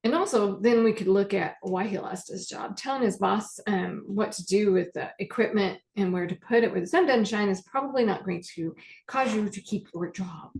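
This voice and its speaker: A woman's voice: mid-range voice, normal speed, vocal fry, a little mellow. A middle-aged woman therapist explaining emotions in a casual, chatty talk, telling stories and acting out what clients say. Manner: chatty storytelling, acts out quoted clients.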